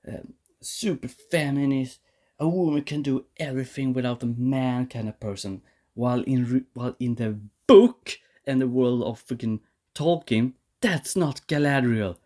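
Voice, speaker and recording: A man's voice: medium pitch, unhurried, dark tone. A man vents in a heated, expletive-filled rant, his mid-range voice climbing as he gets worked up. He often trips over his words and restarts them. It sounds like an unscripted solo vlog. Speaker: vlogger reviewing a series. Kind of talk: angry rant to camera.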